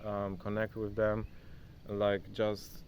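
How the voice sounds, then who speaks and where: A young man, not a native English speaker, vlogs casually into his phone at a rural spot near a forest, loose and chatty and calling the viewer "bro." His voice is lowish, monotone, slow and darkish, with a little hiss or hum. Faint insects and other nature sounds sit in the background.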